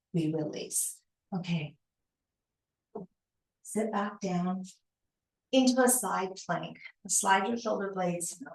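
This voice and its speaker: A woman leading a workout as an aerobics instructor, giving short, encouraging cues and counts, recorded in a roomy, echoing space. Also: mid-range voice. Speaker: fitness instructor. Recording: roomy, echoing indoor sound.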